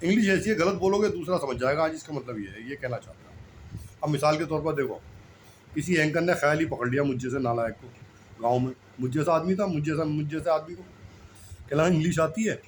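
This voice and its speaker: A man's voice: on the high side, a little fast, a little hiss or hum, low-quality recording. A man in casual explanatory talk, telling homespun anecdotes and often checking that the listener has understood. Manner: repetitive, homespun storytelling. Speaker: channel host explaining language.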